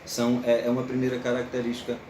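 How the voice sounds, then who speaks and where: A man's voice: mid-range voice, quick pace, reverberant, far from the mic, slight background noise. A man giving an informal, playful lecture to an audience. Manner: animated, playful, recites verse aloud.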